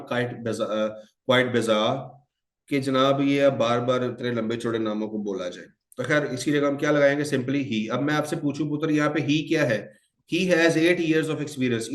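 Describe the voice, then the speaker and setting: A man's voice: medium pitch, roomy sound. A man teaching English grammar in a mix of Hindi-Urdu and English, calling his students children and quizzing them. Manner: addresses students as children, asks and answers his own questions. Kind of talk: online exam-prep lecture.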